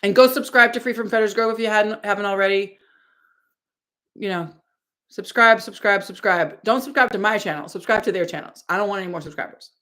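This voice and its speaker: A woman's voice: mid-range voice, fairly quick, a bit bright. Rambling woman chatting on a livestream. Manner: rambling, lots of fillers and restarts. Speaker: live streamer reading chat. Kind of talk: casual livestream chat.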